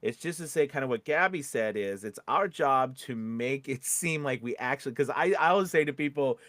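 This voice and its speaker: Expressive and a little fast, this man's medium-pitched voice has a fairly bright tone and no room sound. As a podcast co-host and voice-over coach in a casual advice chat, he stays informal and encouraging, often acting out brief example quotes and checking in with "you know what I mean."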